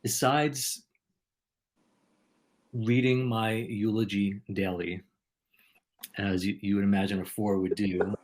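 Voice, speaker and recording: A man's voice: on the low side, steady tone, slow pace, pauses often, darkish tone. A man hosting a podcast and being interviewed, talking in an ornate, playful way. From New York.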